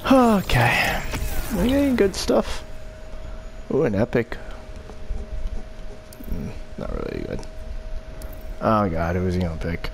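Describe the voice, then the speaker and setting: A man's voice: on the low side, huge pitch swings, takes it slowly, long pauses. A man casually commentating on his own video game match, an exasperated, complaining gamer who swears. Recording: clear game noise behind voice. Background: fighting video game sounds.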